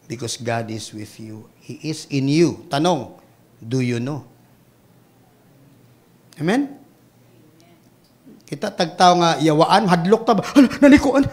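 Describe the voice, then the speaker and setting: A Filipino man preaching a sermon with big swings between loud exclamations and hushed asides. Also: on the high side. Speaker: pastor.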